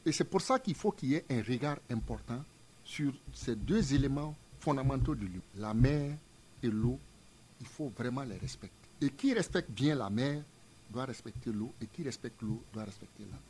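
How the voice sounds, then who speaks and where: A man's voice: mid-range voice, lively intonation, moderate pace, darkish tone, a little hiss or hum. A man, a museum director explaining his ideas in an interview with emphatic, repetitive phrasing. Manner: emphatic, didactic, repeats phrases in parallel pairs.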